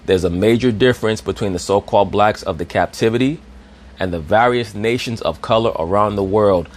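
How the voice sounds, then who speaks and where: A man's voice: on the low side, fairly quick. A man giving a preachy commentary monologue, addressing listeners as brothers and asking rhetorical questions. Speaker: online commentator.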